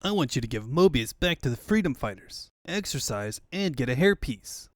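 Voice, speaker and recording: A man's voice: medium pitch, big pitch swings, moderate pace, no room sound, natural voice. Cocky cartoon hedgehog acted by a man; breezy, teasing, youthful hero in a close dry recording. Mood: cheeky. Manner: breezy, cheeky. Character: cocky young male hedgehog hero, cool and cheeky.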